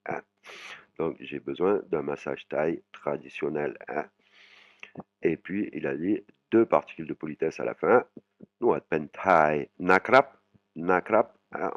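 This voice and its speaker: A man teaching a language lesson, explaining words slowly and adding "hein" after many phrases. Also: deep voice, no room sound. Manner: frequent "hein" tags, slow drawn-out sample words. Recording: dry, muffled lo-fi voice.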